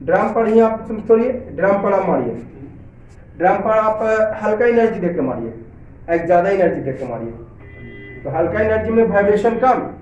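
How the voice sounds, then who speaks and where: A male science teacher giving a classroom lecture, often asking students if it is clear, reading English lines slowly and then explaining them. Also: high voice, lively intonation, a little mellow. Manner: repetitive, asks check questions often. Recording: roomy, distant, dull lo-fi sound with faint hiss.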